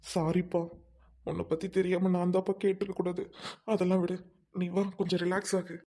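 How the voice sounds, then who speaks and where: A woman playing a gentle, devoted unmarried man who still loves his old sweetheart, speaking softly and earnestly in amateur drama acting. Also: fairly low pitch, little pitch movement, brisk. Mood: tender. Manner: soft, consoling, earnest.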